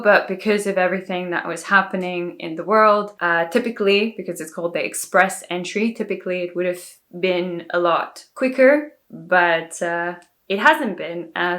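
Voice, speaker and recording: This woman vlogs casually to camera, breaking things down step by step in a South African accent with a Dubai-influenced lilt. She has a somewhat low voice that's a bit bright.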